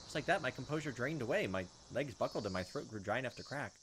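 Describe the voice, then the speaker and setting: Against a noisy background, a gameplay host with a mid-range voice reads a visual novel aloud at a quick pace. Between narrated sections he offers casual, wry jokes in an animated manner.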